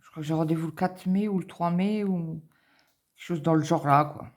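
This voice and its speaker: A woman's voice: low-pitched, fairly quick, a little mellow. Anxious, rambling French-speaking woman. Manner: anxious, rambling, many fillers and repeats. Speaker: cross-stitch vlogger. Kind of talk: casual chatty monologue.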